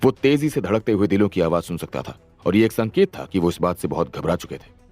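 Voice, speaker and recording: A man's voice: low voice, very animated, fairly quick, darkish tone, dry recording, soft background music. A man narrating an audio story with dramatic storytelling.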